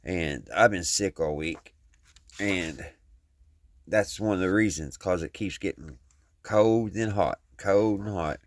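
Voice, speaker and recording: A deep-voiced, slow-paced man from Kentucky hosts a hobby repair video channel. He talks to his viewers casually and plainly in a Kentucky Southern American accent, rambling in a folksy way while working with his hands.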